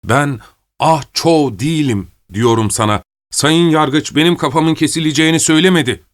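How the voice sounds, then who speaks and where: Pleading male prisoner, man voicing, insistent, high-pitched, tense. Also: normal speed, close to an everyday voice.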